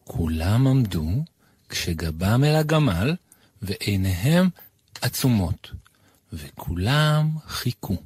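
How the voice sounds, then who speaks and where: A man radio host reading a children's story aloud in an animated storytelling manner. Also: on the low side, husky, dry recording, clean studio sound. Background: music.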